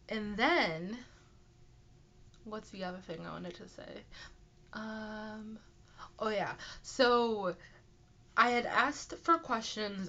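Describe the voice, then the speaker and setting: A woman's voice: mid-range voice, sharp tone, dull audio. A young adult woman with a nasal, stuffed-up voice from being sick, chatting casually and apologetically as she hosts a rambling, self-deprecating solo show. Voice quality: nasal, congested. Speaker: podcast host and aspiring author. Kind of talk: casual solo chat answering listener questions.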